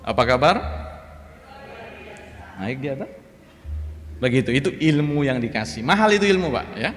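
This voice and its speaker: A middle-aged man preaching a humorous sermon, swinging from soft murmurs to loud bursts. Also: medium pitch, expressive, moderate pace, slight background noise. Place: church. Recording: long reverb of a church hall.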